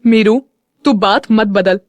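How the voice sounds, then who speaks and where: A woman doing a soft-spoken remorseful young man. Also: medium pitch, slow pace, no room sound, natural voice. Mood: tender. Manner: soft and apologetic.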